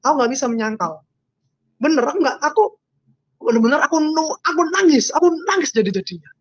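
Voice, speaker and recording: A woman's voice: high-pitched, fast talker, dry recording. A woman telling her personal faith testimony with strong emotion, often repeating phrases, her voice sometimes breaking into tears. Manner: animated storytelling. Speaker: guest giving a testimony.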